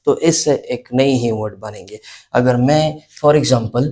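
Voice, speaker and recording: A man's voice: medium pitch, dark tone. A man teaching a beginner English lesson, explaining step by step, repeating key points and asking and answering his own questions. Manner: often adds checking tags like "okay" and "isn't it". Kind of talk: classroom lesson explaining letters and sounds.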